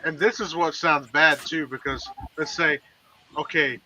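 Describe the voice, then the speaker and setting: Laid-back man with a very bright voice. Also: on the high side, steady tone, a little slow, slight background noise, poor audio. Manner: laid-back, enthusiastic about food, uses "man". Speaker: podcast co-host. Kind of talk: casual chat. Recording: remote call into streamed podcast.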